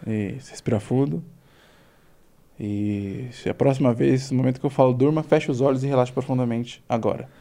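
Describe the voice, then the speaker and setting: A man with a Brazilian accent leading a hypnosis induction as a hypnotist, in soothing, repetitive commands with deliberate pauses. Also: medium pitch, fairly even intonation, vocal fry, mellow. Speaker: hypnotist guest.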